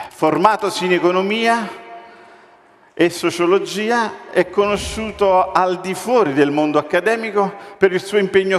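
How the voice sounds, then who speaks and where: High-voiced man announcing in a hall. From Italy. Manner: ceremonious, builds up to the guest's name. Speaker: event host introducing the guest. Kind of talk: formal stage introduction. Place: large event hall. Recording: roomy long hall reverb.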